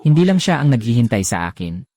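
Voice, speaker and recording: A man's voice: medium pitch, sing-song, quick pace, a little mellow, no echo, studio quality. A man voicing an undercover police captain and guilt-ridden father, with earnest, regretful speech.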